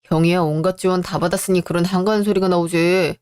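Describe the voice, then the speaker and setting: A hardworking younger son worn down by years of family favoritism, voiced by a woman. He speaks bluntly, with steady bitterness. It is a close, dry radio-drama read. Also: fairly low pitch, quick pace, smooth, dry recording, lightly acted. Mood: resentful.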